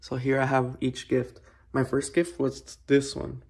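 A man in his twenties with a medium-pitched, completely flat voice that's a little mellow and breathy narrates a house tour at a measured pace. Filmed indoors on a handheld phone, this casual vlog is loose, chatty and full of fillers.

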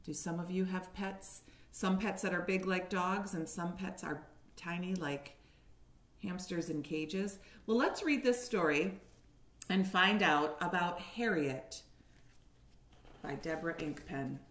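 In her living room, a kindergarten teacher in her forties reads a picture book aloud with expression and asks questions of young listeners. Her voice is fairly low, slow and a bit bright, and the home webcam picks up a roomy echo.

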